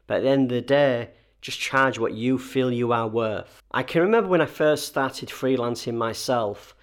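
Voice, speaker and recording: A man with a slightly wheezy, chesty voice, getting over a cold, hosting a conversational solo advice episode with emphatic key points. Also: mid-range voice. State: recovering from a cold and chest infection. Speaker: host advising freelancers.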